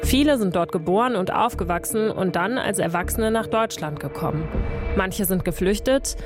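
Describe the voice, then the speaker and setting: A woman hosting a news podcast, presenting a radio feature in a calm, measured, scripted way. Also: mid-range voice, over music. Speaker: podcast host.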